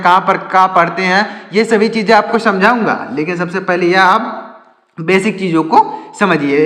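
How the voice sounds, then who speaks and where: A man's voice: high-pitched, fairly bright tone. A man teaching English basics, patiently repeating each point as a question and then answering it himself. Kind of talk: step-by-step lesson. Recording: echoey room with long reverb.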